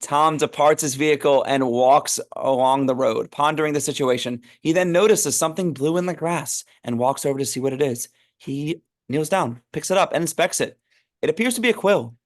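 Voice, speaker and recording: Slightly high-voiced man narrating a script. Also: moderate pace. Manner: informal, amused, stumbles over the script. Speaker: narrator of a script table read. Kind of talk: reading screenplay stage directions aloud.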